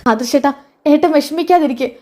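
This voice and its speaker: A woman's voice: high-pitched, a little fast, warm tone, voice pushed up, close to an everyday voice. A woman voicing a devoted young policewoman who pleads through tears, in a serial recap. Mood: anxious.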